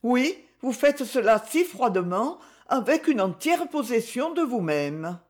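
A woman's voice: on the high side, big pitch swings, a little slow, pitched above the performer's own voice. A woman reading the part of a timid, sensitive young woman, pleading and reproachful. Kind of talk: audiobook novel reading.

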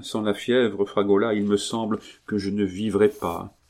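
A man's voice: lowish voice, level tone, a little slow, a little mellow. A man reading aloud voices a fragile, feverish young woman who pleads in a raised, breathless voice. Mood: anxious pleading.

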